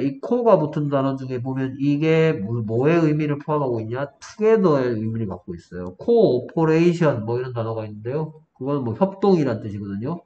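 A man teaching an English vocabulary lesson to a student in a small room, explaining step by step and quizzing with quick questions. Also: mid-range voice, a little mellow. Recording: dull lo-fi room recording, faint noise.

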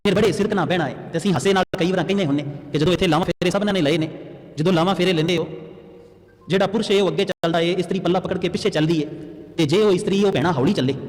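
A man delivers an earnest, exhorting sermon and keeps asking his listeners rhetorical questions. His voice sits high and the words come fast. The sound rings with the long reverb of a hall. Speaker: Sikh preacher. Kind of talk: katha sermon.

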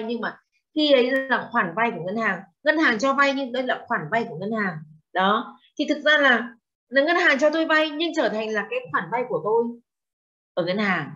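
The recording is lo-fi and dull: a woman with a slightly high, fairly bright voice gives a classroom lecture on translation. She quizzes students and clarifies terms, slipping foreign words in along the way.

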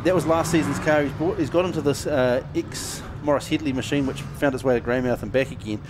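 A man's voice: mid-range voice, fairly quick. A man with a New Zealand accent giving speedway race commentary. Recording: loud car noise behind.

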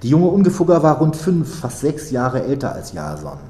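A man reads his own fiction aloud with deliberate, expressive phrasing and a lively, rising and falling voice. His voice is middle-pitched and carries in a roomy reading hall, recorded live. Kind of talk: literary reading. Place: literature house reading hall.

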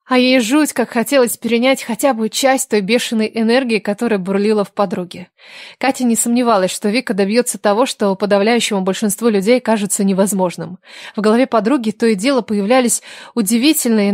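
Woman audiobook narrator, slightly high voice, dry and close, measured delivery. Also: no room sound. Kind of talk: scripted narration.

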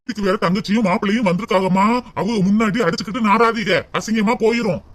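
A man's voice: high voice, steady tone, fast, fairly bright tone. A man voicing a patient adult son who pleads with his mother in a cartoon comedy. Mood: pleading. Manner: pleading, placating.

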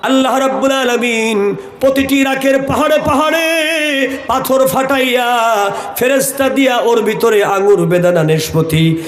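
Bangladeshi-accented man, rousing sermon storyteller, very high voice, echoey venue. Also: measured pace. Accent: Bangladeshi Bengali. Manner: rousing, calls on the crowd to answer loudly. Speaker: preacher.

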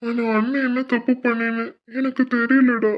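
Woman voicing a gentle doting older brother. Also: a little high, little pitch movement, normal speed, close to an everyday voice. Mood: tender. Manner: tender, pleading, emotional. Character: loving young adult man, gentle elder brother. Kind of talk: dubbed animation voice acting. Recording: dull lo-fi recording.

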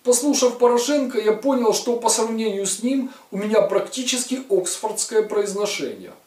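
Speaking to camera from a virtual-set studio, a video blogger in his forties offers political commentary full of sarcasm, irony and mockery, hitting his points hard. His voice is high and darkish, expressive, at a moderate pace. The audio comes across as distant and roomy.

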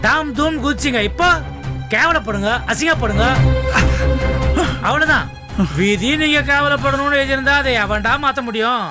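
A scheming middle-aged man taunts his rivals in a high, mocking voice. He sneers and needles, relishing their shame. Loud background music runs under this television drama. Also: moderate pace. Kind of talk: television serial acting.

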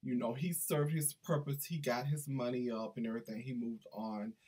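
Middle-aged man, husky-voiced book vlogger, eager and rambling, webcam in a small room. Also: medium pitch, steady tone, normal speed, mellow. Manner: enthusiastic, chatty, digressive. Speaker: book reviewer. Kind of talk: casual book review vlog. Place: small indoor room with banners.

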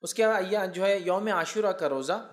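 A man giving a religious lecture, reciting Arabic phrases slowly and explaining them, often asking and answering his own questions. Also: high-pitched. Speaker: Islamic preacher.

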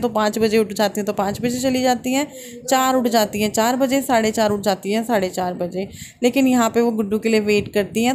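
A woman's voice: a little high, a little mellow. Woman, 30s, Uttarakhand Hindi accent, casual vlogger who rambles and restarts sentences; faint hiss. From India. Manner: chatty, explaining at length, restarts mid-sentence. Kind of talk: casual vlog voice-over.

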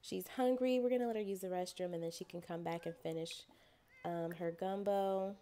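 A chatty woman talks through her life-sim gameplay in a relaxed, playful way. Her voice sounds mellow and warm, and she sometimes slips into her characters' thoughts as she plays. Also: lowish voice, moderate pace. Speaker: gameplay narrator. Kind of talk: casual let's-play commentary.

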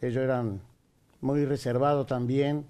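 An older man raised in Venezuela, a guest on a TV studio talk show, answering in a modest, measured way and repeating his phrases. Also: medium pitch, fairly even intonation, dark tone, smooth. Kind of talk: casual interview answers. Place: TV studio set.

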